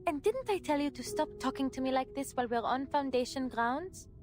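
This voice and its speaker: A woman's voice: high-pitched, animated, brisk, music in the background. An actress playing a stubborn, defiant young woman in a game, curt and sardonic in her delivery. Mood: defiant irritation.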